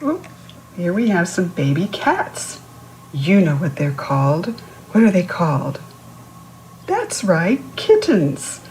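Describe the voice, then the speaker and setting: Reading a picture book aloud to young kids, a woman speaks in a fairly low, slightly mellow voice whose pitch swoops wildly. She goes slowly, pausing often, while asking questions and explaining words. Expect a low-quality recording with light background noise.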